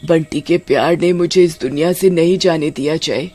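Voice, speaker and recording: Woman voicing a low, menacing ghost witch. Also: moderate pace, faint music behind. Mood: accusing. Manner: low, quiet, threatening. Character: vengeful female ghost witch, protective and menacing.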